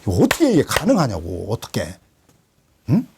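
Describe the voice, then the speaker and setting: A man's voice: moderate pace, background noise. A male pastor giving a sermon in colloquial, storytelling style, retelling scripture with dramatic swings. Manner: animated storytelling, colloquial, dramatic drops in pitch.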